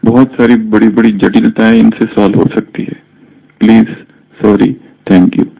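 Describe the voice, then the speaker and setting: Male spiritual teacher, unhurried and gravelly, teaching a group on a dull lo-fi recording. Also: fairly low pitch, flat delivery. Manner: slow, measured teaching with many English words mixed in.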